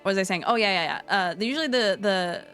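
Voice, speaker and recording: A woman's voice: mid-range voice, quick pace, a bit bright, soft background music. A woman streaming an unscripted lesson on game lore, rambling and correcting herself, with playful asides.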